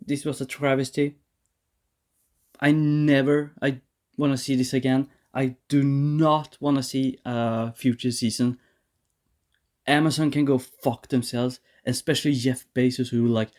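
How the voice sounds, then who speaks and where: A man's voice: mid-range voice, a little mellow. A man vents in a heated, expletive-filled rant, his mid-range voice climbing as he gets worked up. He often trips over his words and restarts them. It sounds like an unscripted solo vlog. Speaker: vlogger reviewing a series. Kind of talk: angry rant to camera.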